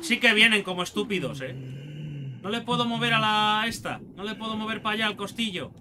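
Over some background noise, a gaming YouTuber with a high voice and a Spain Spanish accent talks a little fast. His let's play commentary is crude and jokey, full of swearing and taunts aimed at the enemies he fights.

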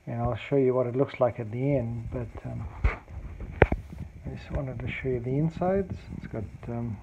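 A hobbyist repairer, this man gives a casual, unscripted demonstration indoors at a cluttered home table. His mid-range voice is a little slow, and the amateur home video has lo-fi sound and noticeable background noise.

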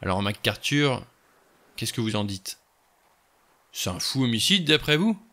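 Guy doing a gruff blunt ex-cop, suspicious, low bright voice, mutters. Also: moderate pace.

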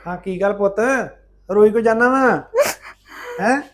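A man's voice: sits high, natural voice. An actor with a Punjabi accent playing a concerned father who keeps questioning his tearful daughter. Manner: quick, probing questions.

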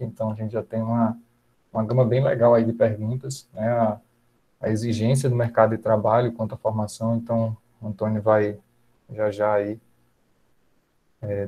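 A man in his thirties with a Northeastern Brazilian accent, moderating a webinar over a video call in a relaxed, filler-heavy way. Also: fairly low pitch. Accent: Northeastern Brazilian Portuguese. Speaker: event moderator. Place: small room at home. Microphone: earphones, video call.

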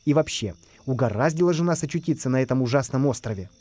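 A man's voice: mid-range voice, animated, fast, dark tone, close to an everyday voice. A man doing a plain-spoken iron little man. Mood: sighing.

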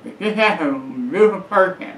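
A middle-aged man vlogs direct-to-camera advice from a small home room with a leather armchair beside a bookshelf, and the space sounds echoey. High-pitched and animated, with a fairly bright tone, he talks at a normal speed, earnestly repeating himself and calling himself by a nickname.

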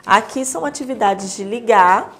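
A woman's voice: fairly high pitch, normal speed, a bit bright. A young adult woman with a Brazilian Portuguese accent explains teaching materials in a casual, chatty way, often checking in with tag questions.

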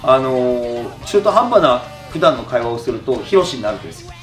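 A man's voice: medium pitch, sing-song, a little fast, soft background music. Joking Kumamoto-accented man in an echoey room. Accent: Kumamoto dialect. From Kumamoto, Japan. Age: middle-aged. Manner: joking, teasing, laughs often. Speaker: YouTuber host. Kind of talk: casual chat.

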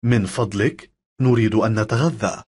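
A man, reading lesson phrases in a measured, careful way. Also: fairly low pitch, steady tone, darkish tone, slightly rough. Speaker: language lesson speaker.

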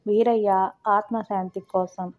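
A woman's voice: mid-range voice, fairly even intonation, slow pace, lightly acted. A woman voicing a fatherly old landowner. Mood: remorseful. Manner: gentle, fatherly. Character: kindly older male landowner, remorseful and generous.

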